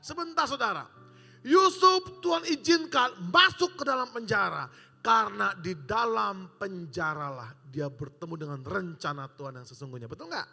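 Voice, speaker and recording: High, bright-voiced joking preacher. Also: male voice, moderate pace, creaky, soft background music. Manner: animated, joking storyteller, shouting at times. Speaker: pastor. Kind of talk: sermon. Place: hotel auditorium. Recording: long hall reverb in auditorium.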